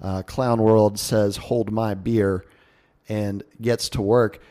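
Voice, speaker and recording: On a radio show, a man riffs informally on a news article, reading it aloud and mocking the stories with sarcastic commentary and salty language. His voice is fairly low and dark, with fairly even intonation and a slow pace.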